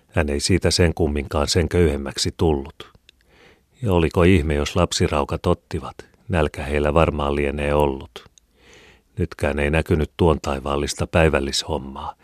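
Very deep-voiced male audiobook narrator. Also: no echo, studio quality. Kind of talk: scripted narration of a classic novel.

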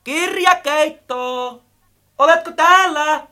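A performer voicing an eager, clumsy, easily frightened companion in an audiobook story, with lively, expressive delivery. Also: medium pitch. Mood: shouting. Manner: lively, expressive, calls out loudly. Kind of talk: audiobook character acting.

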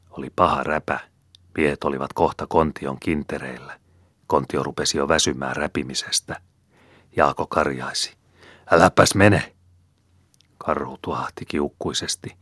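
Very deep-voiced male storyteller. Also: fairly bright tone, no room sound, studio quality. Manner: measured, storytelling reading. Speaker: audiobook reader. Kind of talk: audiobook narration of folk tales.

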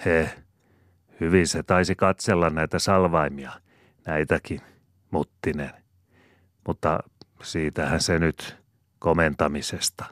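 A man reading the part of a talkative old peasant who tells a funny tale to fellow haymakers, in a slightly raised, lively voice. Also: very deep voice, long pauses, no echo, clean studio sound. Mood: storytelling.

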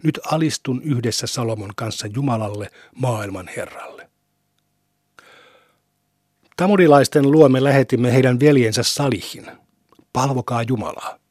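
A man giving a measured, solemn scripture reading in a studio. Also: medium pitch, darkish tone, husky, no room sound. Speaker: scripture reader.

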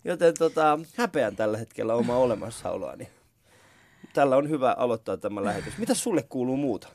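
A man's voice: mid-range voice, very animated, creaky, darkish tone. A man hosting a casual morning radio chat show, telling stories about himself in a chatty, self-mocking way from a studio. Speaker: radio talk show host.

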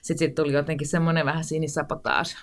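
A woman's voice: low voice, little pitch movement. A woman in her forties, a screenwriter being interviewed, talking casually with lots of fillers and restarts. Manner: chatty, with many fillers and restarts. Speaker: guest, screenwriter and director.

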